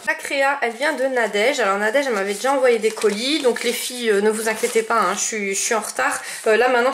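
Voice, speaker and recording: A woman's voice: on the high side, slight background noise. A woman chatting casually about the crafting mail she received, with many fillers and restarts. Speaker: scrapbooking vlogger. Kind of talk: casual chat showing mail.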